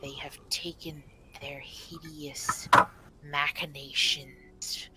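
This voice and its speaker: A woman voicing a huge skull-faced spirit stag guardian of a forest, speaking in a slow, ominous whisper. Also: sits low, level tone, pitched below the performer's own voice, low-quality recording.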